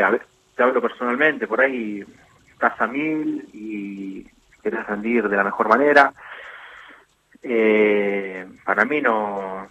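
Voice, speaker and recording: A middle-aged man from Chubut with an Argentine accent, a former footballer speaking as a guest on a radio interview, talking haltingly with many fillers and restarts. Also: mid-range voice. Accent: Argentine Spanish. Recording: tinny phone line.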